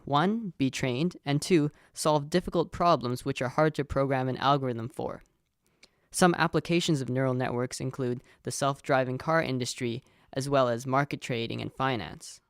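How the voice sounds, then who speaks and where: A young man from Canada walks through a programming project in a steady, explanatory voice-over. His pitch sits in a middle range. The sound is close and dry, with no room around it. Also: no echo. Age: young adult. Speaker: student presenter. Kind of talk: scripted tutorial narration.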